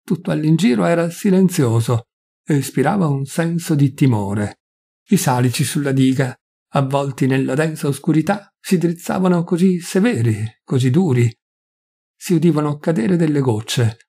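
A man reading a long story aloud as narrator, measured and expressive. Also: on the high side, slightly rough. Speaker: reader. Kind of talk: audiobook narration.

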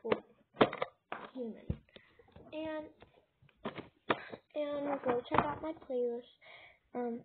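A woman's voice: high voice, steady tone, extremely slow, long pauses. A young girl hosting a game channel, chatting her way through a playful family role-play and often stopping to restart her sentences. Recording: tinny phone-like sound with faint noise.

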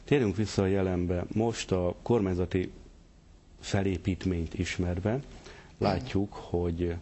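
A man's voice: deep voice, steady tone, warm tone. A man interviewing a guest on television, asking pointed, skeptical questions. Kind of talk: probing TV interview.

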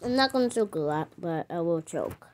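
A woman's voice: lowish voice, animated, normal speed, slight background noise. A woman hosting her own channel, chatting casually and rambling in slang as she narrates her play. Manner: rambling, slangy, says "bro". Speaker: channel host.

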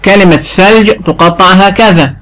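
A man with an Egyptian Arabic accent teaching a phonics lesson to a child, stretching out syllables slowly and clearly. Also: high voice, a bit bright, a little hiss or hum, rough recording. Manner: drawn-out, exaggerated syllable sounding.

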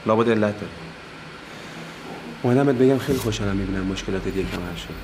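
An actor playing a smooth-talking, scheming older brother who gives calm, patronizing advice. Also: male voice, on the low side, background noise, close to an everyday voice. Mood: condescending.

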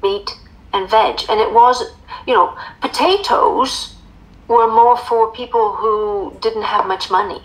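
A woman's voice: fairly high pitch, unhurried, rough recording. An American woman in her fifties, explaining things emphatically as a guest in a casual interview. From United States. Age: 50s. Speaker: interview guest, eating coach.

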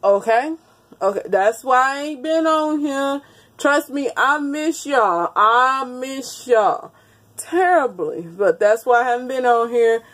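A woman in her thirties talks to the camera like an old friend, chatty and quick to laugh. Her voice sits a little on the high side. She is recorded close on a phone in a small indoor room. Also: animated, a bit bright. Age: 30s. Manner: chatty, laughs often, talks straight to viewers. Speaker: vlogger. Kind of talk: casual chat to camera. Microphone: phone camera held close.

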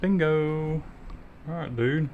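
Rebuilding an engine in his garage workshop, this thirties-aged mechanic host talks slowly in a slightly high voice, relaxed and working with his hands as he chats. The audio is narrow and tinny, with a little hiss or hum.

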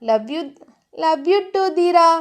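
A woman's voice: very high voice, lively intonation, extremely slow, heavily acted. A woman voicing an innocent, playful young heroine who talks shyly and giggles. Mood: shy, giggly.

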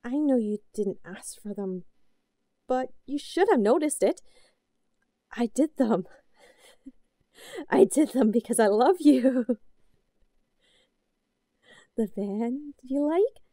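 A woman acts out an obsessive, possessive yandere for an intimate, melodramatic scripted audio roleplay. Her fairly high, mellow voice is recorded close and dry with no echo, animated and insistent as she pleads slowly and haltingly, lovesick and unhinged, swinging between soft cooing and outbursts.

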